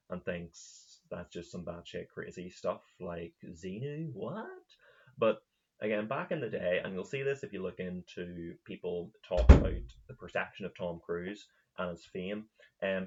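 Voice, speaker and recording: A man's voice: deep voice, husky. A male podcast host talking in a casual, rambling monologue, full of fillers and restarts. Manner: laughs at his own retelling. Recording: slightly dull lo-fi recording.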